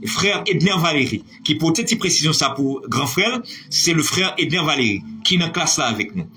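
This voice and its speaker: A man leads a live online lesson, his voice high and bright as he spells words out letter by letter. His pitch rises and falls energetically while he cheers on students, with faint music playing behind him. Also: expressive, brisk. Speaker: online French teacher.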